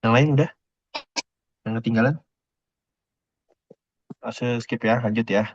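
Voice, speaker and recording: A man's voice: mid-range voice, fairly even intonation, a little slow, no room sound. A male Mandarin teacher, teaching a class casually and checking on his students with short questions. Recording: dull lo-fi classroom recording.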